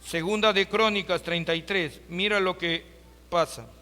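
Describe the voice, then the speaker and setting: A man preaches a sermon in a high, bright voice, throwing rhetorical questions at his congregation. His voice rings through a reverberant hall with a long tail of echo. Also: steady tone, normal speed. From Peru. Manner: rhetorical questions, addresses listeners as brothers. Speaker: pastor.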